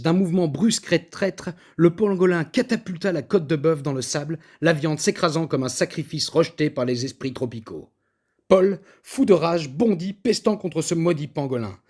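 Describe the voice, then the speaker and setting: A man reading a comic story aloud with a fairly high voice. He narrates in a lively, theatrical way, leaning into every image. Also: slightly rough.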